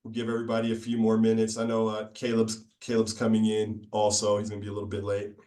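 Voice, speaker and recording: A man's voice: on the low side, monotone, quick pace, dark tone, distant mic. An upbeat man hosts a casual video-call meeting. His talk is loose and joking, and he laughs easily between remarks. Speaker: meeting host.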